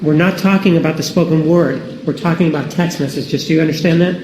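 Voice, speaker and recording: A man with a high voice cross-examines a witness, pressing and insisting on yes or no. The courtroom recording rings with room echo. A faint hiss sits underneath. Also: brisk, darkish tone. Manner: pressing, demands yes-or-no answers. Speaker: prosecutor. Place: large echoey courtroom.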